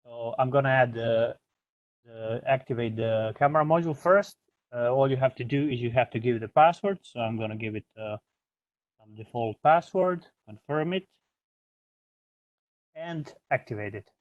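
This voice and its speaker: Working as a product trainer, a man walks through a software tutorial informally, hesitating as he explains each step. His voice is medium in pitch and normal in speed, and the audio is dull but has no echo.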